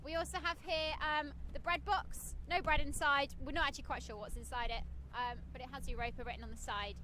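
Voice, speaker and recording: Female tour guide, high and bright, explanatory and informal, outdoors on deck with some background noise. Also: steady tone, brisk. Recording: noisy outdoor ship deck recording.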